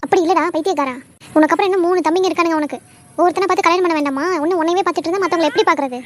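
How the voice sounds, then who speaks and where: A woman plays a fussy middle-aged cartoon mother who scolds and nags her grown sons without pause. The voice sits high and the words pour out at a very fast clip. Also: slight background noise. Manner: scolding, nagging, rapid-fire. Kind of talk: cartoon voice acting.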